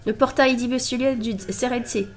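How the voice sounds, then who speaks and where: A woman with a stuffy nose and a nasal voice, commenting excitedly on an anime episode and reading its subtitles aloud. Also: fairly high pitch, fairly quick. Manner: excitable, exclaiming and laughing between read-out subtitles. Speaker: anime reaction host.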